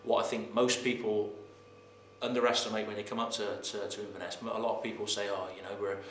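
Low and flat, the voice of a footballer in his thirties comes through haltingly after a match, with frequent repetitions and "um" pauses. He's in a press room against a sponsor board, shown head and shoulders on a camera mic. The audio is roomy, with a faint hum of noise.

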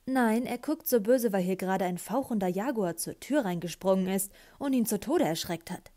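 A woman's voice: medium pitch, normal speed, warm tone, natural voice. A sulky young man grumbles in an offended, put-upon way, as a woman reading the book voices him. Huffy and short with everyone.

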